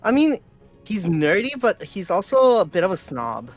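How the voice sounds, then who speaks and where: A man's voice: high-pitched, very animated, moderate pace, soft background music. A man co-hosting a game stream, chatting casually and making dry remarks. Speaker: co-host streamer.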